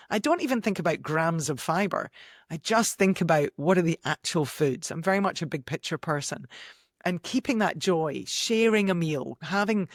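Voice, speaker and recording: A woman's voice: fairly low pitch, no echo. A Scottish woman talks as a podcast guest, explaining nutrition with enthusiasm and a practical bent, laughing easily. Her voice sounds close and dry, with no room around it. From Scotland. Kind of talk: podcast interview.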